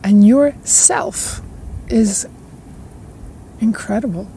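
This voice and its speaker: A woman's voice: mid-range voice, slight background noise. A woman hosting a podcast, musing at length in a reflective spiritual monologue. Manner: slow, musing, with soft laughs and trailing repetitions. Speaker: podcast host.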